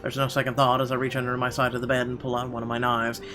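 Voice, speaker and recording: A let's player reads the first-person narration of a horror visual novel as he plays. His medium-pitched voice is fast, dramatic and expressive, with faint music running underneath.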